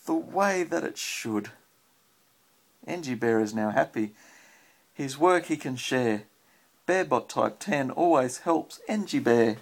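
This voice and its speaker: Here a man with an Australian accent and a creaky, husky mid-range voice shares a picture book with a child, reading aloud and making simple, parent-like conversation.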